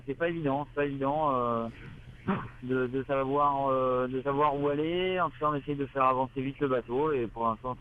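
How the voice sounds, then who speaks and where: Man heard over a boat radio, tinny narrow sound, mid-pitched voice, halting, many hesitations. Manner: halting, full of hesitations and restarts. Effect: heard over a crackly radio link from a boat. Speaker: sailing race skipper. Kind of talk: casual live interview. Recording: tinny radio link from sea.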